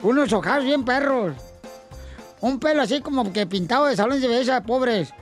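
A man's voice: very high-pitched, lively intonation, moderate pace, soft background music. A man voicing a weepy, self-pitying divorced man with a Mexican accent, telling jokes on a radio comedy show. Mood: whiny. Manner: whiny, tearful comic storytelling.

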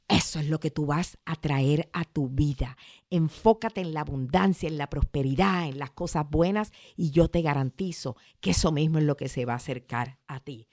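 A woman hosting a motivational podcast, talking in a lively way and acting out quoted lines. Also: lowish voice. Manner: lively, laughs often, acts out quotes. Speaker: podcast host.

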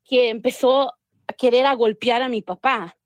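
Woman, higher pitch, dry recording, chatty storytelling, many restarts. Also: steady tone, normal speed, no room sound. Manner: mixes English words into Spanish, many restarts. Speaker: guest. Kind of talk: casual storytelling interview.

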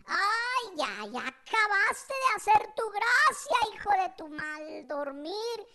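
Comic putting on a Mexican mom with a Mexican accent, scolding, minced curses, high voice. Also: female voice, lively intonation, measured pace, sharp tone, full character voice. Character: cursing Mexican mom, salty and blunt.

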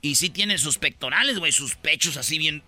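A man's voice: a little high, a little fast, faint music behind. A man with a Mexican accent telling news stories as comic banter on a radio show, full of slang. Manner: joking, animated storyteller with slang.

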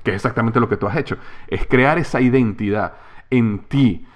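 A man's voice: medium pitch, moderate pace. A middle-aged man, an author and company head, talking in a podcast interview with emphatic repetition. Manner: emphatic, repeats himself for stress.

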